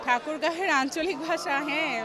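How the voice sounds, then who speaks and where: A woman giving soft, quiet answers in a street interview outdoors at a public monument. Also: high voice, fairly quick. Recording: loud crowd behind, outdoors.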